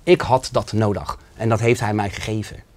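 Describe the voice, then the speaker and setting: A man's voice: fairly low pitch, normal speed. Man, interview guest, earnest and emotional personal testimony.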